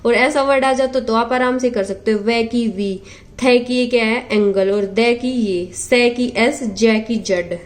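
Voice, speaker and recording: A young woman teaching a phonetics lesson for exam prep, sounding out words slowly and answering her own questions. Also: fairly high pitch.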